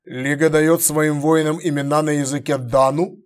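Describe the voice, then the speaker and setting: A man's voice: on the high side, flat delivery, close to an everyday voice. A man playing a stern commanding emperor. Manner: curt, commanding, measured orders. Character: stern, commanding middle-aged male emperor.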